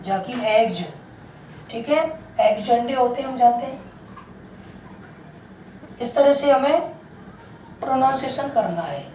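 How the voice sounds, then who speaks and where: A woman's high, dark-toned voice, a little slow and often pausing, leads an English pronunciation lesson like a class, going over each point again and firing questions at listeners. The mic is distant, the room echoes, and faint noise sits underneath.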